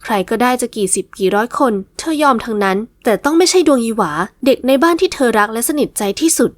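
A woman narrating a romance novel in a scripted, expressive reading. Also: fairly high pitch, fast talker, no echo, clean studio sound. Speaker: audiobook narrator.

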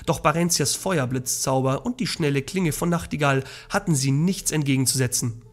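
A man's voice: a little high, moderate pace. Man reading a story aloud dramatically. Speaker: let's play narrator.

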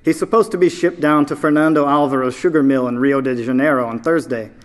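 A man reading aloud, voicing a greedy, loud male slave trader who sneers and yells. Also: medium pitch, brisk, lightly acted. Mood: scheming. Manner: yelling, sneering.

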